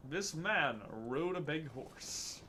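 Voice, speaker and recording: A man voicing an ancient, wise male tree spirit, reading game dialogue aloud in slow, archaic, solemn tones. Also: a little high, lively intonation, sharp tone, a little hiss or hum, full character voice.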